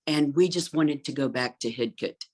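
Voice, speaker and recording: A woman's voice: a bass voice, moderate pace, darkish tone, husky. A middle-aged woman, an interior designer, chatting about gardens in a thoughtful, fluent way with frequent ums. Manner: thoughtful, fluent with many um fillers. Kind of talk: conversational talk about gardens.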